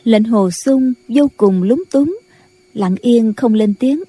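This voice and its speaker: Woman audiobook narrator, mellow, husky, slightly high voice. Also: expressive. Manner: measured storytelling. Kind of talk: scripted narration.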